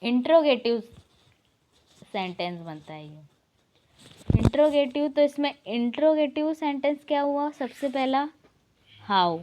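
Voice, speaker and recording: A woman teaching a grammar lesson online, reading example phrases slowly and then explaining them quickly. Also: high voice, expressive, a little mellow, slight background noise.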